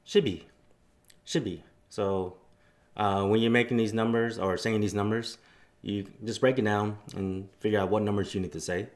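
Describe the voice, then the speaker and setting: A man teaching a casual spoken lesson, explaining step by step with loose fillers. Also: fairly low pitch. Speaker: language teacher.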